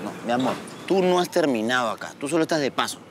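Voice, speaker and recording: A woman's voice: extremely low pitch, big pitch swings, fast talker, noisy background. An actress playing a young Peruvian woman who reassures her friend. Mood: reassuring.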